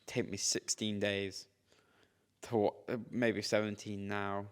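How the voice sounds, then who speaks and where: Laid-back young man, low voice. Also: level tone, slow pace, clear, resonant tone. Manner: rambling storytelling full of fillers and slang. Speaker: podcast co-host. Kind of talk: casual chat.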